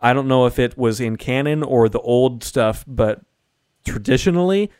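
A man chatting casually about a movie, turning loud and high-pitched when he gets worked up. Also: animated, normal speed, smooth, no room sound, clean studio sound.

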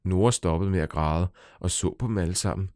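Lively man reading a kids' story aloud, lowish voice, close and dry. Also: no room sound. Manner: playful, animated, speaking directly to children. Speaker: storyteller and author. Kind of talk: children's story narration.

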